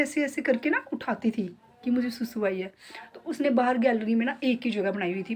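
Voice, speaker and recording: A middle-aged woman with a Jammu accent, a beauty salon owner chatting casually and heartfelt in her vlog. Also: a little high. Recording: noisy background.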